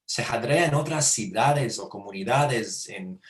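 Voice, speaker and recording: A man hosting an interview, gently asking his guest questions, heard in an echoey room. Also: mid-range voice, lively intonation, a little slow. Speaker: host.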